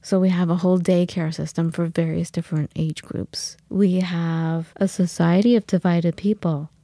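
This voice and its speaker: A woman co-hosting a podcast, chatting casually and telling animated stories, acting out what people said. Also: fairly low pitch, moderate pace, no room sound, studio quality. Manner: animated storytelling with acted-out quotes. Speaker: podcast co-host.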